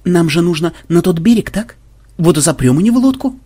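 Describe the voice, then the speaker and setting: A man voicing a quick-thinking young female teammate who speaks briskly and matter-of-factly. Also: a little high, animated, warm tone, slightly rough. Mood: plotting.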